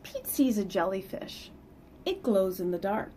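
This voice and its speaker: Reading a children's picture book aloud in a small, plain room, a middle-aged woman performs expressively, stressing words in a sing-song way for young listeners and adding casual asides. She speaks a little slowly in a medium-pitched voice, with slight background noise.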